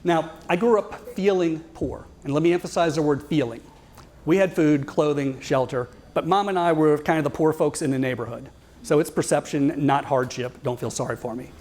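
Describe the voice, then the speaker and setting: A man in his fifties tells a story on stage to a live audience in a wry, conversational way. His voice sits a little high for a man. He keeps turning to the crowd with questions. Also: a little mellow, a little hiss or hum. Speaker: guest speaker.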